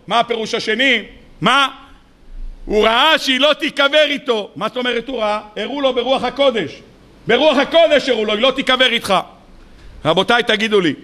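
Animated high-voiced rabbi preaching. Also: male voice. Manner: animated, rhetorical questions to the audience. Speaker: rabbi preaching on the weekly portion. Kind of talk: sermon.

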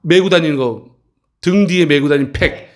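Speaking in a slightly high voice, a man leads middle schoolers through an English textbook passage and keeps checking their understanding with brief questions.

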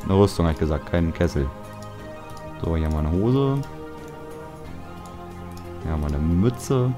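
Deep-voiced German man chatting over gameplay. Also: expressive, normal speed. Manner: chatty, self-mocking, grumbling asides. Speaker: let's play host. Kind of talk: casual gameplay commentary. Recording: background music under voice.

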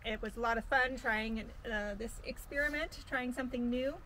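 A woman's voice: fairly high pitch, normal speed, sharp tone, slight background noise. A woman co-hosting a casual farm cooking vlog outdoors, chatty and practical, laughing easily. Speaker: farm vlogger co-host. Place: outdoors by a fire pit on a farm.

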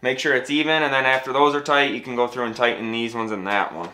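A man's voice: medium pitch, steady tone, fast, pushed and bright. A man in his thirties casually explaining a trailer assembly step by step in his home garage workshop. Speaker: vlogger. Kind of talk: casual how-to narration. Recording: noisy garage recording.

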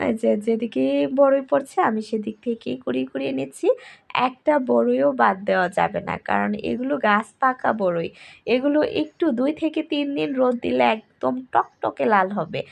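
A hoarse woman chatting casually to her viewers as a cooking vlogger, recorded outdoors under a fruit tree. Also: on the high side. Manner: chatty, addresses viewers directly. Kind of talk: casual vlog narration.

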